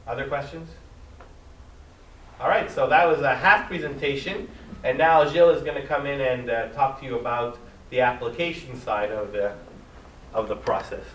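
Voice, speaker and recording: Speaking at a technical conference, this man presses his case emphatically and insistently, with a medium-pitched voice at a moderate pace. He's recorded from afar in a reverberant hall, and a little background noise comes through.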